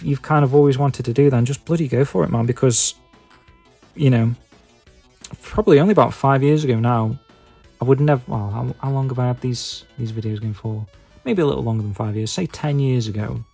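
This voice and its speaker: Mellow man with a Stoke accent. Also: mid-range voice, fairly quick, gravelly, husky, faint music behind. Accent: Stoke-on-Trent English. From England. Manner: hesitant, self-deprecating waffling with many filler phrases. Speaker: YouTube video maker and podcaster. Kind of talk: casual rambling chat to viewers.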